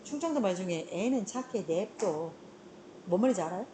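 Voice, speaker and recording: A woman teaching a high school class, explaining an English reading passage and now and then scolding students for dozing off. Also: expressive, racing, mellow, slight background noise. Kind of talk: classroom lecture.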